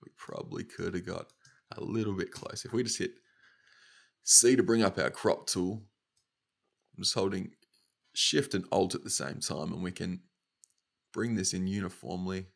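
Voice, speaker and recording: A young Australian man with a slightly nasal, stuffy voice, casually talking through a software tutorial step by step. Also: low voice, normal speed, gravelly, long pauses. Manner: casual, upbeat, talks through each click. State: nasal from hay fever. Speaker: motion design tutor.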